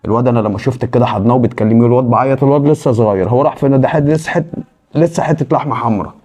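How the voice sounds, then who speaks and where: A man with an Egyptian accent playing a gruff young groom who speaks bluntly and then earnestly. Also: medium pitch, rapid-fire, a little mellow, close to an everyday voice.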